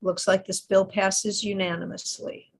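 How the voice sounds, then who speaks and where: A woman's voice: mid-range voice, level tone, measured pace, creaky, husky. An American woman chairing a committee, formally calling for ayes and noes votes in procedural meeting talk.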